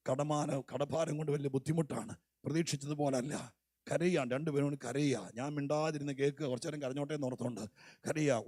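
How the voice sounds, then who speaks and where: A man preaching a sermon as a pastor. He talks with dramatic swings, climbing from quiet storytelling up to shouted lines, and acts out the voices of people in his stories. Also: fairly high pitch, no room sound.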